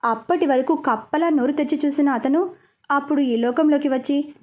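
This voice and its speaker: A woman narrating a scripted serialized story in a steady, expressive reading voice. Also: sits high, moderate pace.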